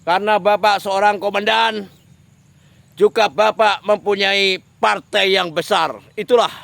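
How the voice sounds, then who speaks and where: This man's high, creaky, slightly bright voice holds a steady tone as he speaks unhurriedly, with no echo. His political commentary is aimed straight at a politician, with phrases repeated for emphasis.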